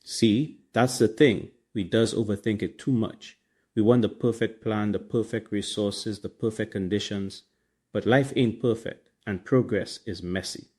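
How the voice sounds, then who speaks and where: A man's voice: fairly low pitch, fairly even intonation, a little slow, a little mellow, breathy edge. A man with a Trinidadian accent hosting a casual motivational podcast, talking in colloquial Caribbean slang. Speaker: podcast host.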